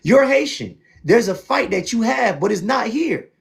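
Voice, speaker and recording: A man from South Florida hosts a heated debate on a stream, emphatic and preachy, repeating "see what I'm saying." His pitch is extremely high and sing-song, with vocal fry and a moderate pace.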